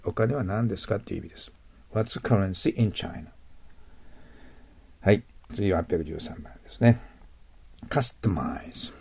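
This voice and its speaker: Gravelly husky man teaching vocabulary. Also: fairly low pitch, a little mellow. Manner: explains patiently, repeats words slowly; adds ね as a tag. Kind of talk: recorded vocabulary lesson.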